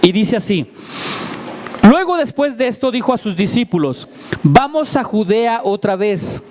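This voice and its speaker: A man's voice: high-pitched, big pitch swings, a little slow, a little mellow, slight background noise. A man preaching a sermon to a congregation, retelling scripture vividly and putting questions to his listeners. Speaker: pastor. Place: church service before a congregation.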